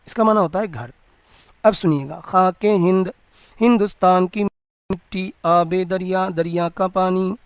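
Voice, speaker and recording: A male religious teacher giving a lecture, reading each word slowly and then explaining it. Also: high-pitched, no room sound.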